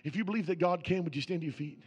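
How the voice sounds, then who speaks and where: A man's voice: a little high, very fast, husky. A man preaching a sermon as pastor, building with repeated questions.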